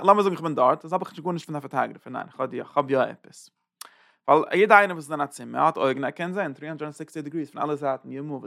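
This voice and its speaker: A man's voice: mid-range voice, gravelly, bright, forceful tone, no room sound, studio quality. A man teaching a Torah lecture, thinking aloud and searching for words as he explains. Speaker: religious teacher.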